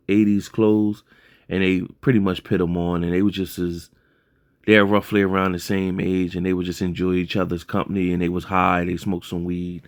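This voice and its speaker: Low-voiced man rambling through a recap. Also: dry recording, studio quality. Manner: loose and rambling, heavy on fillers and self-corrections. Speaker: TV episode recapper. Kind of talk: casual spoken recap.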